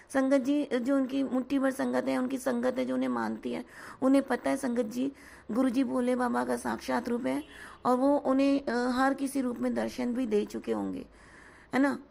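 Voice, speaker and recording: A hoarse woman giving an earnest devotional testimony, often addressing her listeners directly. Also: high voice, darkish tone. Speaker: devotee sharing a satsang.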